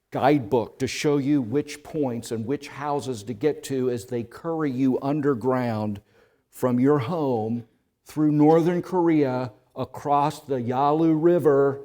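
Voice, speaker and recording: Preaching slowly in a medium-pitched voice, a male pastor relates a story in the second person. He moves from soft, hushed lines up to loud ones.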